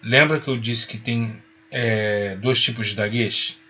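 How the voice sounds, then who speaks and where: A man teaching a Hebrew lesson, patient and reassuring, spelling out each sound slowly. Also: fairly low pitch, steady tone, sharp tone, slightly rough, muffled recording. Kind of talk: recorded online lesson.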